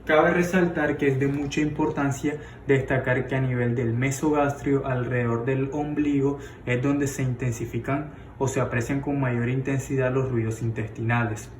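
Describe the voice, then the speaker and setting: A man explaining an abdominal examination as a lesson, often pausing with fillers and restarting words. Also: mid-range voice, steady tone. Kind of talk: medical demonstration lesson. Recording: roomy, distant mic with faint noise.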